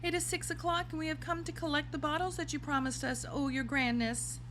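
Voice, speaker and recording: Woman putting on a high, meek ancient witch. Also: fairly even intonation, brisk, noisy background, lightly acted. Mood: meek, fawning. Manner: timid, fawning.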